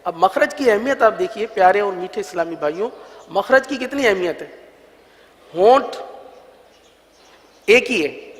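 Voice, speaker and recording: Man, recitation teacher, high voice, patient, repeats sounds slowly, long hall reverb. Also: animated. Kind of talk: religious lesson.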